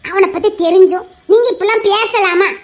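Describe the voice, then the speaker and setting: A woman's voice: very high-pitched, steady tone, moderate pace. A woman playing a protective middle-aged mother who defends her son and argues with her husband in a pleading, reasoning way. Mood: defensive. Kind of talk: amateur audio drama.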